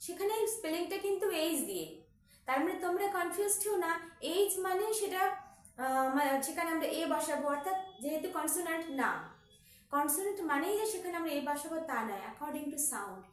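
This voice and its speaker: A woman teacher speaks with a Bengali accent in a high, animated voice that swings up and down. She works through examples one by one, repeating them and asking her pupils questions. Her voice rings in an echoey room, picked up from a distance. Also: fairly quick. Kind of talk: classroom grammar lesson.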